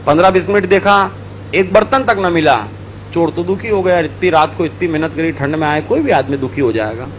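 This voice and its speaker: A man from India telling a spiritual story in an animated way, acting out the characters. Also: a little high, a little fast, muffled recording, slight background noise. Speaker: spiritual speaker. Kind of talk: storytelling talk.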